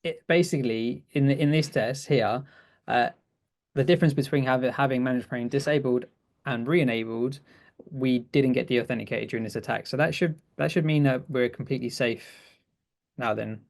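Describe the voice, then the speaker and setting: A man's voice: medium pitch, moderate pace, gravelly, darkish tone. Man, casual webinar explainer, self-correcting, laughs easily. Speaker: webinar co-presenter.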